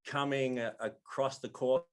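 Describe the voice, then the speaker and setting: A man's voice: medium pitch, steady tone, measured pace, smooth. Australian man, 60s, wry storyteller, video call from home. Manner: jovial, wry, self-deprecating. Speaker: storyteller at a community event. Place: home room indoors.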